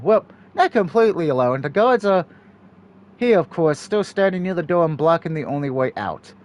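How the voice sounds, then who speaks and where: A man with a very high voice reads a story game aloud in a let's play. His pitch moves around in a lively way, and he breaks from the narration for casual asides and acted dialogue. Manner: acts out dialogue while reading. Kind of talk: reading a visual novel aloud with casual asides.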